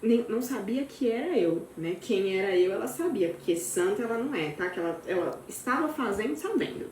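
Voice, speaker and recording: Brazilian woman storyteller, chatty and dramatic, warm low-key tone, recorded at a distance in a roomy space. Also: lively intonation, fairly quick. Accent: Brazilian Portuguese. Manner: chatty, dramatic, talks straight to friends. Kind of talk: casual gossip storytelling. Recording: very echoey room, far from mic, faint noise.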